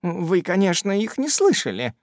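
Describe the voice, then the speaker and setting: Storybook: hysterical spinster aunt, shrill and gasping, high voice, played by a man. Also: expressive, takes it slowly, dry recording, studio quality, full character voice. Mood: tender. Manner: wailing and exclaiming. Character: hysterical unmarried middle-aged aunt, woman, sentimental. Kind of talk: audiobook character voice.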